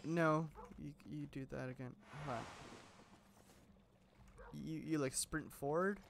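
A man's voice: a little high, fairly even intonation, takes it slowly, gravelly, a little hiss or hum. A young man giving casual, rambling gameplay commentary, chatty, laughing often, with lots of fillers and restarts, sounding a little sick. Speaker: gaming YouTuber.

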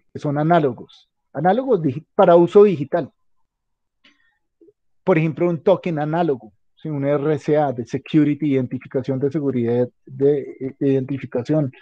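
A man giving a classroom lecture, halting and restarting often, checking in with the class after many phrases. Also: a little high, dry recording. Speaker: teacher. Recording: dull, muffled lo-fi audio.

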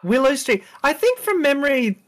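A woman's voice: high voice, very animated, moderate pace. A woman, chatting casually with friends while streaming a game and laughing often. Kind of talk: casual gaming chat.

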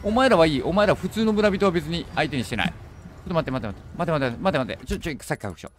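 A man streaming a horror game, thinking aloud as he plays and bursting into alarmed shouts when enemies appear. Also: on the high side, lively intonation, rapid-fire, a little hiss or hum. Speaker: gaming streamer. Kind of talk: horror game let's play commentary.

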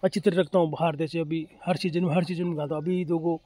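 A fast-talking man from Rajasthan with a fairly high, dark voice and little pitch movement explains his poultry farm to viewers in a casual vlog. He's plain, repetitive, and direct; the recording is dry, outdoors, with chickens clucking and faint noise.

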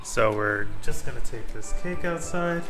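A man presents a travel vlog in a casual, conversational way, with a mid-pitched voice. He addresses his viewers informally as he shows them around. Clear background music plays behind him. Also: lively intonation, a little slow. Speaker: travel vlogger.

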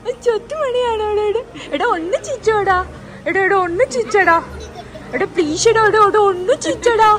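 Young woman cooing baby talk, very high. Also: moderate pace, a bit bright, faint music behind. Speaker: vlogger. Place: crowded house-warming party indoors. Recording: party crowd chatter behind.

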